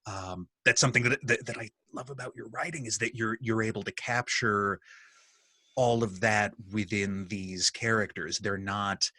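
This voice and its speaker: A man's voice: fairly low pitch, fairly even intonation, normal speed, bright, forceful tone, dry recording. A man who narrates audiobooks, talking casually on a video call, self-deprecating and full of restarts. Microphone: studio microphone.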